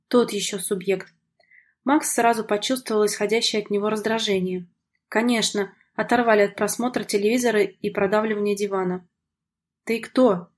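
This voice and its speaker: A woman reading a novel aloud as an audiobook narrator, steady and expressive. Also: medium pitch. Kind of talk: scripted narration.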